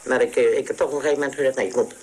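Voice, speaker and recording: A man in a radio interview whose voice is electronically distorted and pitch-shifted to hide who he is; he speaks hesitantly, with many halting restarts. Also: steady tone, a little hiss or hum. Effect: voice distorted to disguise identity, pitch-shifted. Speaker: interviewee, former patient.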